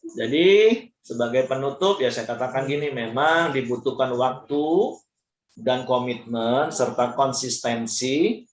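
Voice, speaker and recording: A male pastor giving an animated sermon talk, acting out quoted people in changing voices. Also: medium pitch, measured pace, roomy sound.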